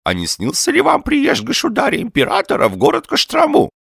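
A shrill, lisping old man. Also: wildly swooping pitch, brisk, gravelly, a bit bright, no echo, studio quality, exaggerated voice. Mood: eager. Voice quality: toothless mumbling lisp. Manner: shrill, fretful, wailing. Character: jittery whiskered old man, lisping and fussy.

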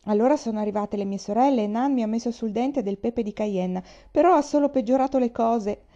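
A woman's voice: a little high, a little fast, mellow, highs cut off, natural voice. A woman reading aloud, voicing a sensitive, dreamy young boy who fears pain, in a plaintive, pleading way.

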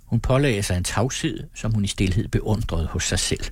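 A man reading a classic novel aloud in a measured, phrase-by-phrase way. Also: fairly low pitch, husky, no room sound. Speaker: audiobook reader.

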